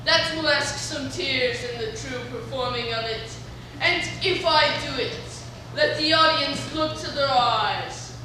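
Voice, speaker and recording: Woman playing a slow, grandiose, high-voiced boastful weaver. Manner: grandiose, declamatory. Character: boastful, stagestruck male weaver eager for every part. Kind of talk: amateur stage Shakespeare comedy. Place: echoey performance space, recorded from a distance. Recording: echoey, noisy hall from far off.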